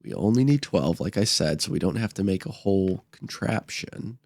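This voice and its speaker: A man's voice: low-pitched, expressive, moderate pace, gravelly, a little mellow, slight background noise. A man giving casual gameplay commentary as host, his voice stuffy and nasal from a blocked-up nose with a cold. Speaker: gaming video host.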